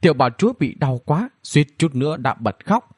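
A male narrator with a husky, slightly breathy voice reads a fantasy novel aloud in a dramatic way. His pitch swings widely and animatedly. The sound is dry and close, with no room echo. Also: a little fast. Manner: expressive, dramatic. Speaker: audiobook narrator. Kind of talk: storybook narration.

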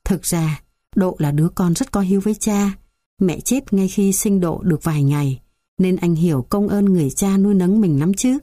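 A woman narrating a folk tale in a measured, dramatic storytelling manner. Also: fairly low pitch, dark tone, no echo, studio quality.

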